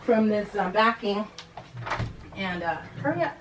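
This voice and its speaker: In a casual craft vlog, an American woman with an expressive mid-range voice speaks at a measured pace over background noise. She's rambling and giggly, making fun of herself and often leaving thoughts unfinished as she shows her project.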